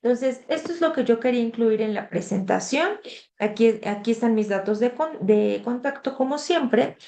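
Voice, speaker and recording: A woman tutor runs an online class over a video-call mic, chatting loosely, reading the chat aloud, and using the filler "este" a lot. Her fairly high voice is animated, gravelly, and warm, at a moderate pace.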